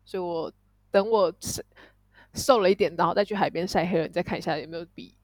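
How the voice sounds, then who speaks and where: Fast-talking, blunt young woman from Taiwan. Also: on the low side, no room sound. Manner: blunt, teasing, quick storytelling with laughs. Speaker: podcast co-host. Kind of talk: casual chat.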